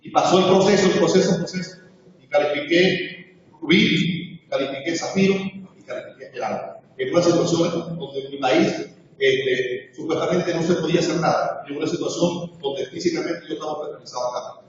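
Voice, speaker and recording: Guy in his 40s telling a heartfelt story at a seminar, voice kinda high, far off mic in a big boomy hall. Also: normal speed. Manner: emotional storytelling, acting out past conversations. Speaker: seminar speaker. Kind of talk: personal testimony to a live audience. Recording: echoey hall, distant dull mic.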